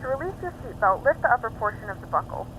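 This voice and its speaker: A woman's voice: on the high side, big pitch swings, fast talker, noisy background. A woman as a flight attendant reciting a formal scripted safety announcement over the cabin public address speakers.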